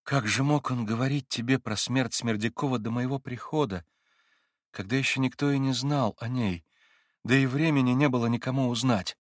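Мужчина читает кроткого, сострадательного Алёшу. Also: male voice, medium pitch, fairly even intonation, moderate pace, no room sound, studio quality, natural voice. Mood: pleading. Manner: earnest, pleading. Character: gentle, compassionate young man pleading with his brother.

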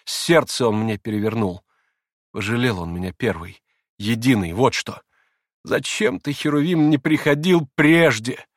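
A man voicing a proud, wild young woman who speaks in impassioned, shrill outbursts. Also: unhurried, no echo, clean studio sound, close to an everyday voice. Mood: tender.

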